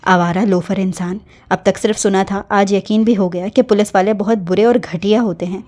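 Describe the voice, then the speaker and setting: A woman's voice: medium pitch, steady tone, darkish tone, natural voice. A woman voicing a sulky, easily teary young woman in a storybook reading. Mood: scornful. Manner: scornful, sniffling.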